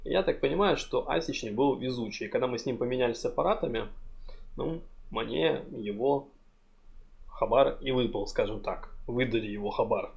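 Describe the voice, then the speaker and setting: Gravelly man narrating a casual vlog. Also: mid-range voice, normal speed, darkish tone, highs cut off. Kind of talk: casual storytelling voice-over commentary.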